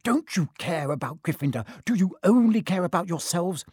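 A man voicing a bossy, indignant young schoolgirl in a shrill, scolding, insistent manner for a storybook. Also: animated, normal speed, no room sound, studio quality. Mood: scolding, hissing.

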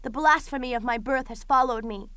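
A woman's voice: high voice, a little fast, sharp tone, clean tone, no room sound. A woman playing a doomed young princess in a Greek tragedy, grieving yet defiant, with solemn, lamenting declamation. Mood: bitter grief. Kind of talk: classical Greek tragedy audio performance.

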